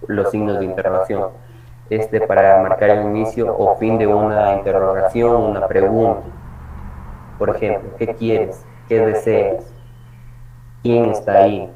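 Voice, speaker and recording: A man teaching a reading workshop lesson on punctuation, explaining step by step and slowing down for examples. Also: on the low side, dark tone. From Ecuador. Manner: explanatory, slows for examples, frequent restarts. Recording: echoey room, distant mic, dull sound, crowd.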